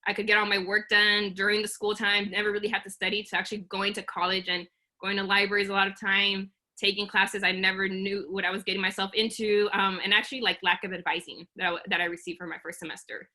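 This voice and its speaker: A woman in her thirties from Oakland, California earnestly leads a career webinar over a video call, frequently restarting and using um's and other fillers. She talks at a quick pace in a medium-pitched, bright, forceful voice with little pitch movement.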